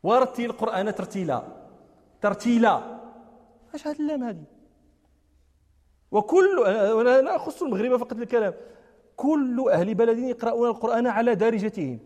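A man's voice: very high voice, lively intonation, quick pace, long pauses, mellow. A man giving a religious lecture on Quran recitation, emphatic and repeating key phrases for stress. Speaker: Islamic scholar lecturing. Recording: long hall reverb.

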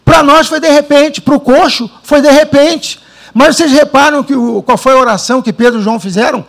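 A man from Brazil preaches with a strikingly high voice carrying a gravelly, fried edge. He tells his own story in an animated way, slowing down for dramatic pauses. His delivery moves between scripture reading and lively storytelling. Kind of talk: sermon with personal testimony.

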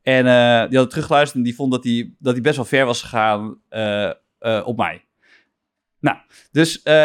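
Reflective male podcast host. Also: mid-range voice. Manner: reflective, hesitant with fillers. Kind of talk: casual chat.

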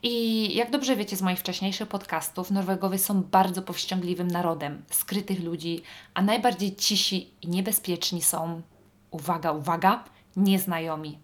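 A woman's voice: fairly low pitch, fairly even intonation, moderate pace. A Polish woman hosting a podcast, talking in a chatty, wry monologue with frequent fillers. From Poland. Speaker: podcast host. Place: northern Norway.

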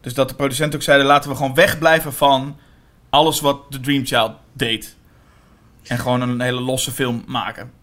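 A man co-hosting a podcast, talking casually about horror films in quick, animated bursts with many fillers. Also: mid-range voice. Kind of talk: casual film discussion.

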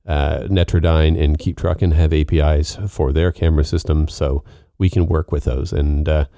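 A man with a very low, mellow voice talks in a casual podcast, laying out technical ideas plainly and patiently. The sound is dry and close. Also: steady tone, moderate pace, gravelly, dry recording. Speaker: co-host.

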